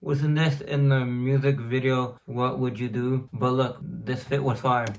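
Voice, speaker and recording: A man's voice: mid-range voice, flat delivery, measured pace, gravelly. A man hosting a music reaction video, talking in hyped, slang-filled casual commentary that answers the song lyrics. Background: song playing underneath.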